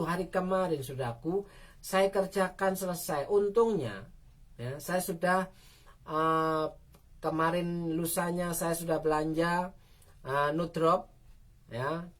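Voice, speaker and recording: A woman's voice: on the low side, slow. A woman pastor, telling a story in a devotional sermon and calling out her prayers to the congregation. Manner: storytelling with frequent "saudaraku" address, cries out prayers.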